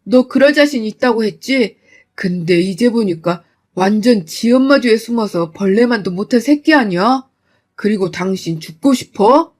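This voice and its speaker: A woman's voice: mid-range voice, mellow, lightly acted. A woman voicing an enraged middle-aged father who growls threats.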